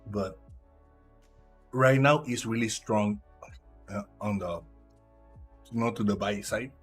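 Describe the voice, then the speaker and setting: A man from Puerto Rico with a Puerto Rican Spanish accent and Spanish as his first language, giving halting live trading commentary while he reads the chart aloud. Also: on the low side, breathy edge, faint music behind. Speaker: live trader.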